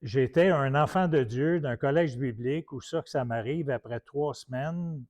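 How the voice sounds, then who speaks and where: This preacher from Quebec, with his Québécois French accent, tells stories casually in a teaching talk, often starting over mid-thought. His voice sits in the mid range, a little mellow, at a moderate pace.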